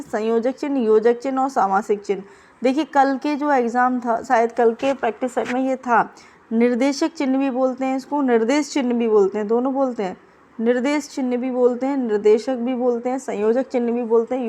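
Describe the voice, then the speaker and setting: Woman tutor for exam prep, brisk and coaching, somewhat high voice, drills each answer twice. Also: darkish tone. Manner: quizzing and repeating answers. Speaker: teacher.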